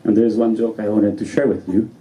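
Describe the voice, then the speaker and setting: A man's voice: fairly low pitch, steady tone, a little fast, noisy background. A man in his thirties from Poland with a Polish accent, doing chatty, self-deprecating open mic stand-up. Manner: chatty, self-deprecating, often laughing mid-sentence. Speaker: stand-up comedian. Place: small club stage in front of an audience.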